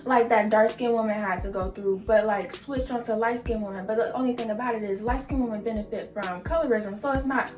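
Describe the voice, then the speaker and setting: A young woman co-hosting a casual chat, animated and quick to agree and laugh. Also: a little high. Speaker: co-host. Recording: echoey room with music behind.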